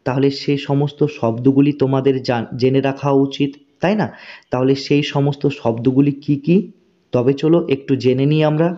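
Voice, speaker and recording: A man teaching spoken English in a slow, patient way. He repeats each word and often checks that the learner has understood. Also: medium pitch, fairly even intonation, dark tone, dull audio.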